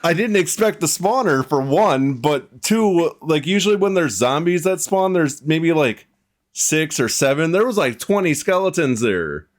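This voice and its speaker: A man's voice: fairly high pitch, animated, measured pace. A man hosting a casual gaming stream with friends, teasing them and laughing at his own mishaps. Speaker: streamer and host.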